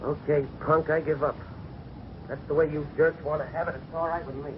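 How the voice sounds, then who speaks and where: Blustering 1930s beat cop played by a man, gruff but friendly, higher voice, old radio drama, muffled noisy recording. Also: flat delivery, brisk, lightly acted. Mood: exasperated.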